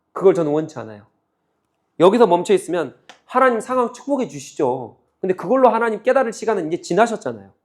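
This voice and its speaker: A male pastor preaching a sermon, asking his listeners questions and acting out the quoted voices in a lively back-and-forth. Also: high voice. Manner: asks the congregation questions and answers them. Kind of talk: sermon teaching on a Bible book.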